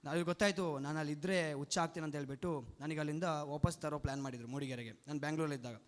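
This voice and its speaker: A man's voice: on the high side, steady tone, fast talker. A young man giving an earnest, emotional personal testimony at a church retreat, often restarting his sentences. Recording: long hall reverb.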